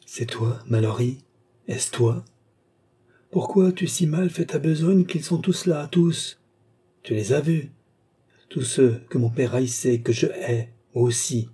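A man reading aloud, voicing a frenzied noblewoman who confesses to murders in a hushed, raving voice. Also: a little high, fairly even intonation, a little slow, husky, pitched above the performer's own voice. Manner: feverish, raving, hushed then rising.

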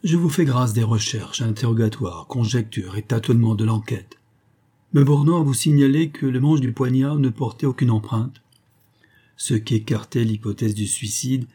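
A man reading a novel aloud as an audiobook narrator in a measured, storytelling way. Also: medium pitch, mellow, husky. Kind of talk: scripted narration.

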